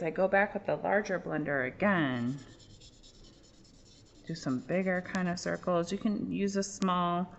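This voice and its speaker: A woman's voice: on the low side, vocal fry. A young adult woman giving a casual drawing demonstration, explaining each step as she works, with many fillers. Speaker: art teacher. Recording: muffled lo-fi audio, faint room noise.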